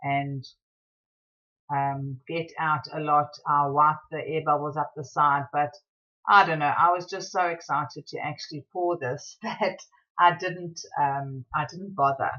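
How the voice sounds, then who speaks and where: Bright, chatty woman crafter. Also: low voice, unhurried, dull audio. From South Africa. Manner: rambling, apologetic, excitable. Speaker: craft tutorial host. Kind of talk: chatty voiceover tutorial.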